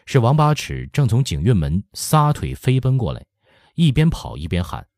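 A man narrating a historical novel as an audiobook, telling the story in an expressive way. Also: medium pitch, moderate pace, no room sound, studio quality. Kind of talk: scripted narration.

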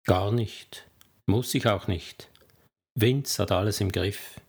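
A man's voice: lowish voice, slow pace, vocal fry, slightly rough, full character voice. A man reading a confident, dismissive businessman. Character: self-assured middle-aged businessman, loyal to friends. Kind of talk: audiobook character reading.

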